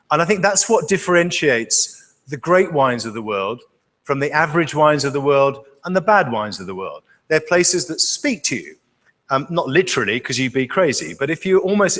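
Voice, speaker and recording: A man's voice: fairly high pitch, a bit bright. A man leading a wine tasting, speaking live to an audience with enthusiasm and frequent stammered restarts. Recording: echoey hall.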